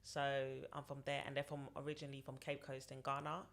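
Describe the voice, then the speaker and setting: A London woman in her late thirties answers casual interview questions as a podcast guest, her extremely low voice quick, monotone, creaky, and a bit bright. She rambles, circling back, repeating phrases, and filling gaps with lots of fillers.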